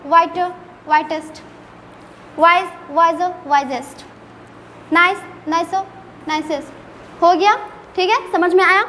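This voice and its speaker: In a classroom-style English grammar lesson, a woman with a very high-pitched, fairly bright voice playfully scolds her students and asks them rhetorical questions often. Long reverb and faint background noise color the recording.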